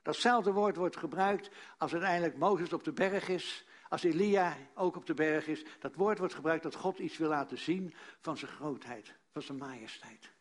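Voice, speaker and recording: A man preaching a sermon, earnest, repeating key phrases and dropping to a hush for emphasis. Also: fairly high pitch, moderate pace.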